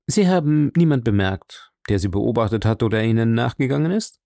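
A keen, probing detective who presses his questions with lifted emphasis, as an audiobook reader puts him on. The voice is gravelly and sits at a middle pitch. It is recorded dry and close. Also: animated, a little fast, warm tone, no echo. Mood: inquisitive. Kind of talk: audiobook character reading.

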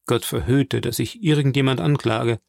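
A man reading an audiobook, voicing a grave, deliberate physician. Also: medium pitch, creaky, a little mellow, dry recording, clean studio sound, natural voice. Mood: explaining. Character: grave, measured male physician.

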